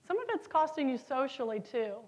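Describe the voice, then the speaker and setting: On stage in a large conference hall, a middle-aged woman delivers a keynote full of lively stories and questions for the audience. Her voice is high and her delivery brisk.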